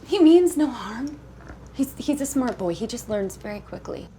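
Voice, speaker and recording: A woman's voice: on the high side, animated, moderate pace, dark tone, a little hiss or hum, lightly acted. A woman playing an anxious, loving mother who pleads for help in an audio drama. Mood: worried.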